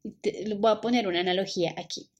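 A woman's voice: mid-range voice, fast, a little mellow. Young woman in a candid vlog monologue. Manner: emotional, repeats herself, quotes her own past words. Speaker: vlogger. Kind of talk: casual personal monologue.

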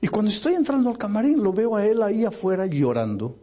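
Husky, mellow-voiced male preacher. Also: fast. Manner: animated, with pitch leaps for emphasis. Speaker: pastor. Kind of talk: storytelling sermon.

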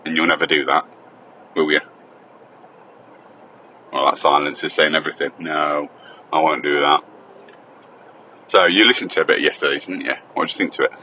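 Man, deep and bright, joking and chatty, dull lo-fi phone recording in a car. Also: steady tone, normal speed, pauses often, a little hiss or hum. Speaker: host and father on the school run. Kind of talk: casual chat while driving. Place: inside a car on the road.

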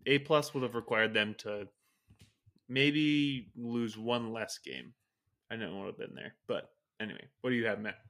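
A man's voice: mid-range voice, moderate pace, fairly bright tone. A man co-hosting a casual sports chat, talking loosely with lots of restarts and filler words. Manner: loose and chatty, frequent "like" and trailing restarts. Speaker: co-host.

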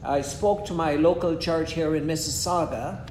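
A man, preaching in short measured phrases and pausing after each one for an interpreter. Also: darkish tone. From Guyana. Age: 70s. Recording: echoey room with a faint rumble.

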